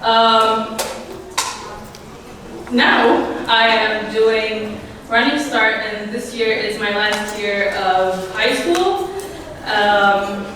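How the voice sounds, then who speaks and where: A woman's voice: medium pitch, very slow, pauses often. A teenage girl from Syria giving a nervous, hesitant personal speech at an event, with many fillers and small laughs. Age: teens. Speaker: new citizen speaker. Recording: echoey hall from far off, noisy.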